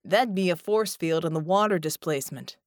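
A woman's voice: lowish voice, fairly quick, no room sound, clean studio sound, lightly acted. A woman narrator voicing a friendly male stone giant who talks in an easygoing, slangy way, in an audiobook. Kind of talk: audiobook character voice.

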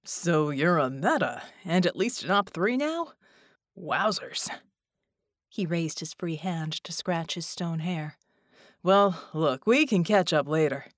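A woman's voice: lowish voice, animated, takes it slowly, no room sound, clean studio sound. A woman narrator voicing a friendly male stone giant who talks in an easygoing, slangy way, in an audiobook. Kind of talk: audiobook character voice.

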